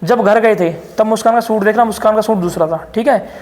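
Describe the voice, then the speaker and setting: A man in an interview telling his side of events in a rapid, insistent storytelling way. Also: high voice, darkish tone, in a large hall. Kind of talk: defensive interview account.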